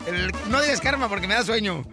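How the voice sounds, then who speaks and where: A man's voice: sits high, expressive, music in the background. A man hosting a radio comedy show, playful and teasing as he trades jokes. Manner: playful, teasing, quick to laugh.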